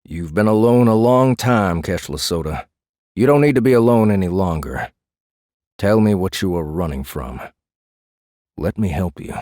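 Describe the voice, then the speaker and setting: A male actor with a low voice plays a renegade space marshal in audiobook drama dialogue, steady, probing, protective, and dryly teasing. He speaks in a measured, coaxing manner, and the studio recording is clean and dry.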